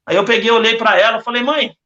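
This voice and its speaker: A man's voice: extremely high pitch, a little fast, bright, forceful tone, highs cut off. A man with a Brazilian Portuguese accent giving an earnest religious testimony as a podcast guest, telling his story with lots of repetition.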